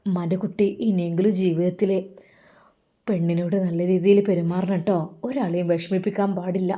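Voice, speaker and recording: A woman voicing an older, loving and pious mother who speaks tenderly and preaches gently. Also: on the low side, fairly even intonation, brisk, natural voice. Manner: tender, pleading, softly preaching.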